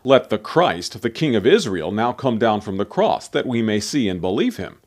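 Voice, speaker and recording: Loud, scornful jeering from a man putting on a crowd of mockers in a scripture reading. The voice swings up and down in a lively way, sneering and raised. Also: fairly low pitch, normal speed. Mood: mocking. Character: jeering, mocking adult men in a crowd.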